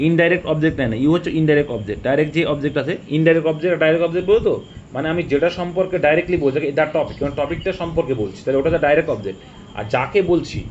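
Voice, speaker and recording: A man teaching English grammar, asking questions and answering them himself, and reading example sentences out slowly. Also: fairly high pitch, darkish tone. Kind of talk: spoken grammar lesson. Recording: dull lo-fi audio with faint hiss.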